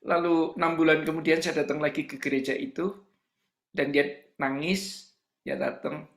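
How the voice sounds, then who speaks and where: Male pastor, sermon storyteller, gravelly edge, emphatic repeats, echoey room. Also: on the high side, steady tone, normal speed, fairly bright tone. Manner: emphatic, repeats phrases for effect.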